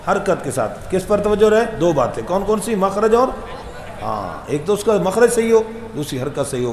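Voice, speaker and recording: A fairly high-voiced man teaches Quran recitation, chanting each letter sound slowly in a sing-song drill and firing questions at his listeners. He has a Pakistani Urdu accent. His voice rings in an echoey room over a faint hum of background noise.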